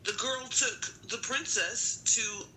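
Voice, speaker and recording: A woman taking turns telling a story in a card game, easily excited and exclaiming with delight. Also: a little high, slow, slight background noise, low-quality recording. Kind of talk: casual storytelling game play.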